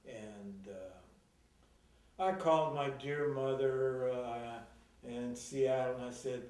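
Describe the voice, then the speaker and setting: A man's voice: medium pitch, a little mellow. Echoey cassette tape of a rambling man. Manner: halting, with many fillers and restarts. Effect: old cassette tape recording. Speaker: interviewee recalling his youth. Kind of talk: rambling personal reminiscence. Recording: very echoey, distant from the mic, old cassette tape.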